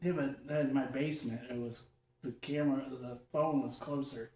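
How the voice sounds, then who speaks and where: A man's voice: mid-range voice, steady tone, normal speed, darkish tone. A blunt man in easy conversation who laughs readily. He is heard from a distance off a phone, with a roomy echo around his mid-range voice. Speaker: guest. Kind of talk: casual chat. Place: echoey indoor room. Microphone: phone across the room, no mic. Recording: echoey room, far from phone.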